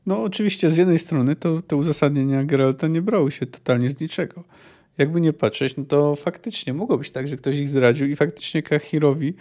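A man hosting a podcast, reading from a novel and then discussing it in a relaxed way, thinking aloud. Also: fairly high pitch. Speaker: podcast host. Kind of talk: book reading and commentary.

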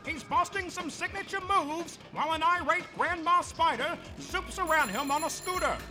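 A man voicing an excitable, cheeky cartoon parade announcer doing event commentary. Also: very high-pitched, normal speed, exaggerated voice. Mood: excited, announcing. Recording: music behind the voice.

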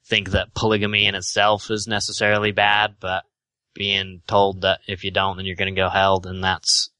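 A man with a Utah accent giving casual, halting, tentative answers as an interview guest. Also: low voice, completely flat delivery, sharp tone, clear, resonant tone, no room sound.

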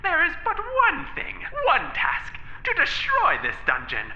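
Grandiose dungeon villain, a woman voicing him, magically amplified to boom from all sides, high, very bright, lo-fi echo. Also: huge pitch swings, a little slow, a little hiss or hum, heavily acted. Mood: gloating. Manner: grandiose, laughs maniacally. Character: booming male dungeon villain, gleeful and theatrical. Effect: magically amplified voice booming from all around. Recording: echoey, dull lo-fi sound.

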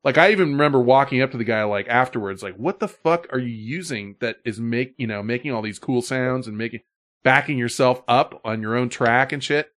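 Male podcast host, middle-aged, medium pitch, loose rambling casual talk, salty language. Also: fairly quick, a bit bright. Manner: rambling, profane. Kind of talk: casual chat.

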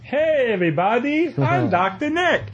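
A man putting on the voice of a cheerful cartoon doctor, greeting everyone in a high, drawn-out announcer voice. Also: sing-song, husky, lo-fi sound, exaggerated voice. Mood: cheery.

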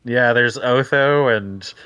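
A man's voice: medium pitch, slow pace, bright, forceful tone. A man co-hosting a podcast who steers the discussion in a dry, matter-of-fact casual chat. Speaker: podcast co-host.

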